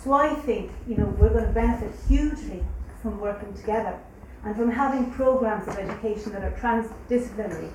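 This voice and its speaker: A woman academic giving an unscripted, halting comment at a conference, recorded at a distance in an echoing, noisy room. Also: on the high side, darkish tone. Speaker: business academic.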